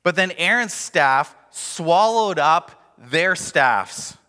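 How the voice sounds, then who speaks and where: A man's voice: a little high, lively intonation, drawn-out words, sharp tone, long reverb tail. A man preaching a sermon, emphatic and driving home repeated refrains. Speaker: pastor.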